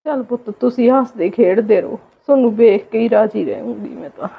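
A woman acting as a meek elderly village mother in a homemade family drama, speaking softly in a pleading, resigned way. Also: a little high, brisk, creaky, husky, phone-quality sound. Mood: sorrowful. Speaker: neglected old mother in a family skit.

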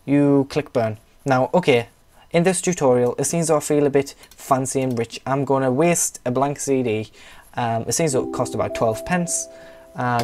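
A man's voice: medium pitch, a little mellow. A young man with a northeast English accent narrates a casual computer tutorial. He rambles, stops for chatty asides and pokes fun at himself. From northeast England. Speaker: tutorial maker. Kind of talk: casual screen-recorded tutorial.

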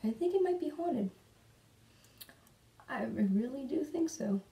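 Female vlogger, chatty and rambling, low gravelly voice, roomy echo from a distant mic. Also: animated, takes it slowly, mellow. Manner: rambling, chatty, talks to her cat. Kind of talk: casual chat while doing makeup. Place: room at home. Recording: echoey room, mic at a distance.

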